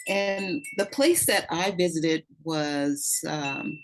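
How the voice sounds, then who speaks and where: A woman from California speaks very slowly in a slightly low voice, taking her time with each phrase. She sounds heartfelt and sincere in a casual online group. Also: very animated, soft background music, low-quality recording. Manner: slow, heartfelt. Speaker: participant. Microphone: video call.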